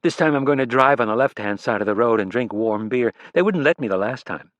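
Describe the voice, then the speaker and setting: A man's voice: mid-range voice, animated, brisk, fairly bright tone, no room sound, lo-fi sound, lightly acted. A man reading an audiobook, voicing a chatty, upbeat young female magician who brushes off worries. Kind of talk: audiobook character voice.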